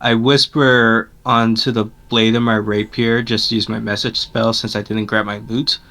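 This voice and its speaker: A man's voice: lowish voice, flat delivery, moderate pace, vocal fry, pushed and bright. A man playing a tabletop game with friends, casual and chatty. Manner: speaks in character in quotes. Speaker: player.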